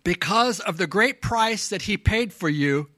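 A man's voice: sits high, expressive, unhurried, sharp tone, dry recording, clean studio sound. A man preaching a sermon as pastor in a church, emphatic and often asking the congregation questions. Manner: gets emotional.

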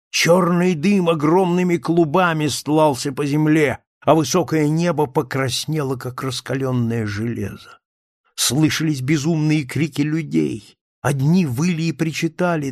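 A man reading a first-person story aloud in a measured, dramatic way. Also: mid-range voice, no room sound, clean studio sound. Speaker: narrator.

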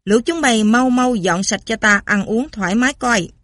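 A woman's voice: a little high, moderate pace, a bit bright, no room sound. A woman voicing a pompous, condescending English lord giving orders. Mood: haughty. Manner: condescending, commanding.

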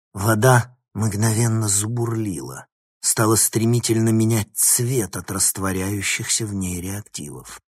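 A man's voice: fairly low pitch, breathy edge, no room sound, studio quality. A man reading a dramatic story aloud as narrator. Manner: dramatic reading, animated phrasing. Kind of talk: audiobook narration.

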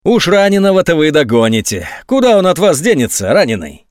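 A man reading a story aloud, voicing a scornful army general who mocks his subordinate in a high, sneering voice. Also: big pitch swings, a little fast, no room sound, studio quality. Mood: sarcastic. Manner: mocking, sneering, sometimes shrill. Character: sarcastic, scornful male army general on phone.

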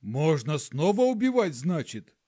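A man voicing a crowd of old peasant ghosts who talk in drawn-out, howling tones. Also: fairly high pitch, big pitch swings, mellow, breathy edge, no echo, clean studio sound, full character voice. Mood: amazed. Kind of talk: audiobook narration.

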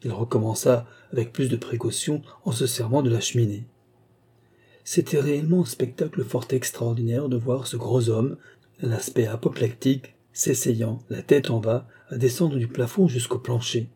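A man narrating an audiobook in a very dark, mellow voice. His tone has a husky grain, and his reading is measured and even. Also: medium pitch. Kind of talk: scripted narration.

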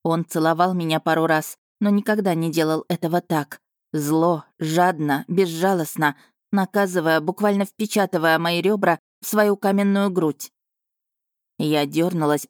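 A woman with a fairly low voice reads a first-person romance audiobook. Her tone is sarcastic and indignant, and the recording is close and dry. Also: no echo. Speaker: audiobook narrator.

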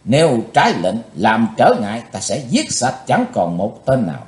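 A man's voice: medium pitch, sing-song, moderate pace, darkish tone, voice pushed up, close to an everyday voice. A man voicing a cold, ruthless young male swordsman who gives icy, commanding threats. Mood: cold, menacing. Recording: roomy echo.

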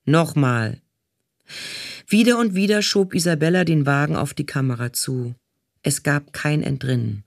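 A man reading a novel aloud in calm, even scripted narration. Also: fairly high pitch, moderate pace, creaky, no echo, studio quality. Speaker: audiobook reader.

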